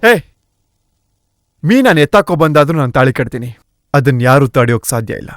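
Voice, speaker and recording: A man's voice: medium pitch, no echo, clean studio sound, natural voice. An actor playing a bold young man who defies his rival and reassures the woman he loves. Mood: defiant. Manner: defiant, protective. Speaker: hero, the cousin in love. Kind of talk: Kannada film dub.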